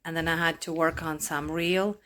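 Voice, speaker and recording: A Latvian woman whose first language is Latvian chats casually to camera as a crochet vlogger, rambling and often interrupting herself. Her voice is low-pitched and steady, fairly bright in tone, and moves at a normal speed.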